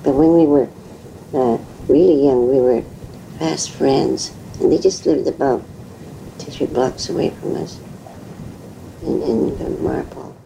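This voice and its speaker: Older lady remembering old days, slow to find words, super gravelly dark voice. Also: a bass voice, slight background noise, poor audio. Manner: hesitant, searching for words. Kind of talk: interview recollection.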